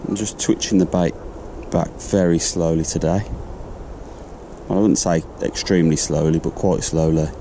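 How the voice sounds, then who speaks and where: A man narrating as he fishes from a canal bank, explaining his technique in a relaxed way, recorded on a body-worn camera outdoors. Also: low-pitched, moderate pace. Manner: relaxed, explanatory, talking while fishing. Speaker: angler vlogger. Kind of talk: fishing commentary. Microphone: chest-mounted action camera. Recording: outdoor wind and ambient noise.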